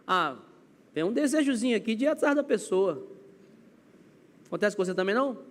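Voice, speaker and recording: A man's voice: high voice, big pitch swings, a little fast. A Brazilian man preaching as a pastor, acting out everyday scenes with quoted voices in a church. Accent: Brazilian Portuguese. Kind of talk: sermon. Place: church sanctuary. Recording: long church hall reverb.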